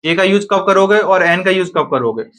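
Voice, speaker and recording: A man's voice: sits high, lively intonation, normal speed, a bit bright. A man teaching a grammar lesson to a class, often asking students questions and then answering them himself.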